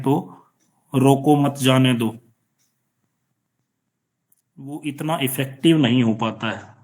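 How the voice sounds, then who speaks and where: Male teacher, Indian accent, unhurried lecture delivery, mid-pitched, patient and repetitive explanations. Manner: slow, patient explaining with repeated examples. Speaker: college teacher. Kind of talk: online class lecture. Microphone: online class, computer or phone mic.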